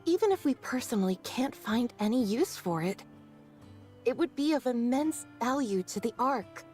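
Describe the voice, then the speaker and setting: A proper, well-mannered squad member from a game, voiced by a woman, her voice high and swinging in pitch. She speaks with careful politeness and a scolding edge. Light music sits beneath. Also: expressive, normal speed, a little mellow, natural voice. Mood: earnest. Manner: polite and precise. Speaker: game character. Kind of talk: game voice acting.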